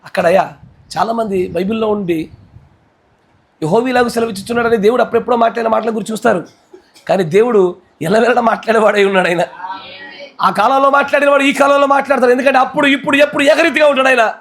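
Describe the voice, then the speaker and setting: A high-pitched man with a Telugu accent preaches a sermon. His delivery is fervent, and it moves between loud, shouted exclamations and quieter, intense speech. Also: fast, long pauses. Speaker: pastor.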